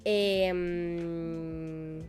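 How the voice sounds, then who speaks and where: A woman's voice: lowish voice, fairly even intonation, very slow, a little mellow, faint music behind. A woman with an accent from Spain, a Spanish language teacher explaining spelling rules on a live stream and often checking in with her listeners.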